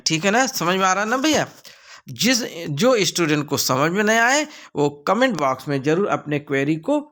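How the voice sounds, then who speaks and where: A man's voice: a little high, a bit bright. A man with a Hindi accent teaching an English grammar lesson, talking the class through answer options with playful, theatrical asides.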